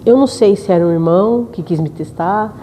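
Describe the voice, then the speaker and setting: A woman with a Brazilian accent giving a talk as a spiritist lecturer, telling a personal story in an emotional, animated way. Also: mid-range voice, brisk, a little hiss or hum, low-quality recording.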